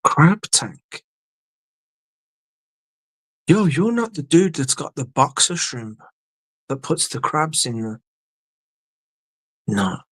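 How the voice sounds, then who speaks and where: A man's voice: a little high, sing-song, slow pace, long pauses, no echo. A man hosting a livestream, chatting casually with viewers in a rambling way, swearing and sometimes losing his words. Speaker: livestream host. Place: indoor home studio.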